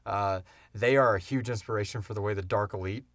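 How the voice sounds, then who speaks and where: The fiction podcast's creator and co-host talks briskly in a low-leaning voice, captured with clean studio sound and no room ambience in a small enclosed booth. Answering questions, he chats casually and rambles with enthusiasm.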